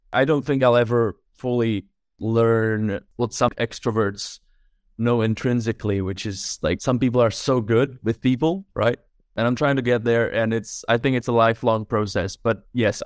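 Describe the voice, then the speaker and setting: With a medium-pitched voice at normal speed, a twenty-something Czech filmmaker from the Czech Republic chats casually as a guest on a podcast interview. He sounds relaxed and reflective, repeatedly using "like" and "right?". The audio is clean studio sound with no echo.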